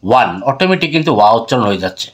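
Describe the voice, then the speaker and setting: A man with a Bangladeshi accent teaches an English grammar lesson, slipping English phrases into his speech. He poses questions and answers them himself, repeating example words slowly, in a voice on the high side with lively intonation.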